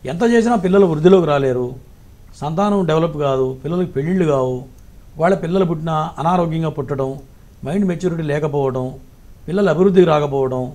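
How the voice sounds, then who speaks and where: Brisk, high-voiced lecturing male astrologer. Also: mellow. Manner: blunt, lecturing, tells callers off. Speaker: astrologer answering callers. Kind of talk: call-in advice talk.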